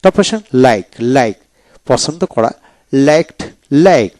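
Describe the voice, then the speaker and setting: Male teacher with a Bangladeshi accent, patient word-by-word drill, average pitch, dry booth sound. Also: animated, measured pace, a little mellow, dry recording. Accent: Bangladeshi Bengali. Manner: repeats each word several times, then gives its meaning. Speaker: English grammar teacher. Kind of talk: slow word-by-word vocabulary drill.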